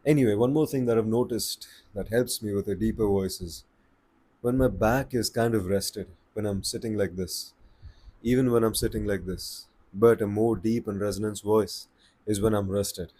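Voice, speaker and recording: A man with an Indian accent giving calm, slow-paced advice on speaking to the camera. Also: on the low side. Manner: slow, calm and deliberate, with pauses. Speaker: voice coach. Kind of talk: casual advice talk to camera.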